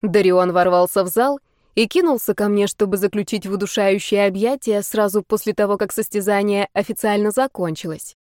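A woman narrates a first-person audiobook in a steady, even storytelling manner. Her voice sits at a medium pitch. The sound is dry and close, with no room echo. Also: a little fast.

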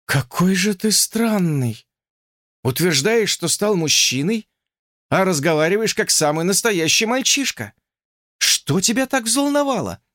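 Casting: a man doing a composed, mocking young woman, lilting and high, dry recording. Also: sing-song, unhurried, fairly bright tone, no room sound, exaggerated voice. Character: teasing, self-assured young woman Lucy.

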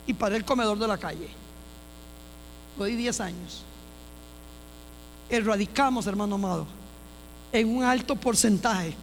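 A woman's voice: mid-range voice, measured pace, pauses often. A woman pastor giving a personal testimony in a church, telling her story emphatically with repeated phrases and restarts. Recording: long hall reverb with faint mains hum.

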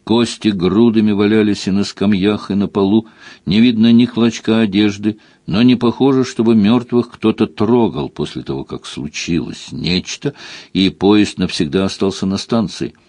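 A man reads a novel aloud in a steady, unhurried storytelling manner. His voice sits low. The recording is dry and close, with no room sound. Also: no echo. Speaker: audiobook narrator. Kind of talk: scripted narration.

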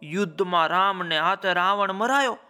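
A man's voice: high-pitched, moderate pace, sharp tone, clean tone, faint music behind. A man narrating a children's story, calling out to his listeners with folksy asides.

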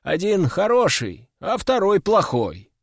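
A man voicing a calm, mocking male demonologist hero in first person. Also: high voice, slow pace, vocal fry, no echo, studio quality, pitched above the performer's own voice, heavily acted. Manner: laconic, mocking.

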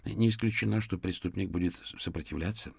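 An over-eager police officer who trips over his words, as a man voices him. The voice is deep and dry, hesitant and keen to please. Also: fairly even intonation, fast talker, creaky, husky, no room sound, exaggerated voice. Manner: hesitant, stammering, overly helpful.

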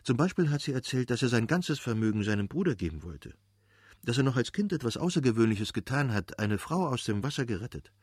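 A man reading the lines of a gracious young aristocratic woman in an audiobook, voice lightly raised and gentle. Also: mid-range voice, big pitch swings, brisk, breathy edge, no echo, clean studio sound.

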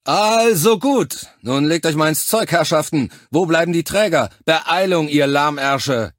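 A man voicing a gruff male drill instructor who gives curt, loud orders to recruits in an audiobook. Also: mid-range voice, animated, moderate pace, no room sound, studio quality, pitched above the performer's own voice, lightly acted. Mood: barking orders.

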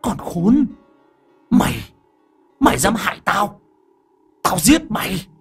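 A man's voice: high-pitched, expressive, slow pace, creaky, slightly rough, soft background music, pitched above the performer's own voice, exaggerated voice. A man voicing a possessed young man whose voice is cold and gloomy, hissing threats. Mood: murderous. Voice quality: cold, gloomy voice from another throat.

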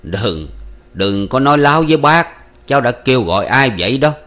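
A man voicing an old man, a former cook, who questions slowly and deliberately. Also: on the low side, expressive, a bit bright. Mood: probing. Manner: slow, probing, deliberate.

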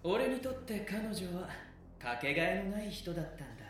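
A man's voice: high voice, sing-song, brisk, a bit bright. A man playing a courteous, eerie young man from a painting in an audio drama, with a polite, creepy welcoming manner. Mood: eerily courteous. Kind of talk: Japanese audio drama acting. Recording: distant, echoing, noisy background ambience.

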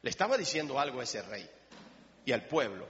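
A man's voice: mid-range voice, big pitch swings, a little fast, fairly bright tone, slight background noise. A man preaching a sermon as pastor with a Mexican Spanish accent, emphatic and addressing his congregation directly. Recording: reverberant, slightly dull church recording.

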